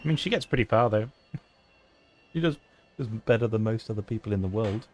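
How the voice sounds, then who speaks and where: A man's voice: lowish voice, brisk, slight background noise. A male streamer giving casual, chatty commentary while playing a game. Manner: relaxed, chatty asides with laughs.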